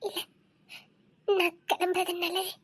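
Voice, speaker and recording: A woman's voice: extremely high pitch, level tone, slow, a bit bright, heavily acted. A woman voicing a hurt young wife who speaks through tears, with a Tirunelveli Tamil accent. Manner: tearful, wounded.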